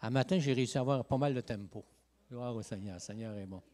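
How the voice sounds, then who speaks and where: A male pastor from Lac-Saint-Jean with a Quebec French accent, giving a lively, joking evangelical sermon full of "hey" and "amen" interjections. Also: mid-range voice, fast. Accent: Quebec French, Saguenay–Lac-Saint-Jean. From Quebec, Lac-Saint-Jean region. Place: church sanctuary.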